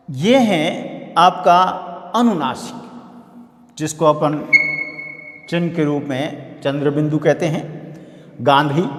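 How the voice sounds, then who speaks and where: A male college lecturer giving a slow classroom lesson, drawing out sounds and examples deliberately. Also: a little high. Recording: echoey room with long reverb.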